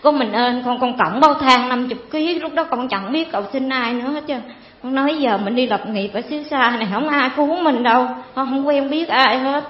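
A woman, giving a rambling, earnest personal testimony to a priest. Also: high-pitched. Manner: rambling, earnest, fills pauses with "cái" and calls the priest "cha". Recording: echoey, dull hall sound.

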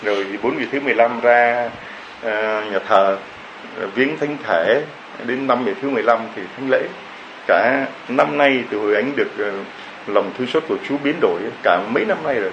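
A man's voice: medium pitch, a little fast, muffled recording, noisy background. A man preaching a homily, telling a story and firing off rhetorical questions to the congregation.

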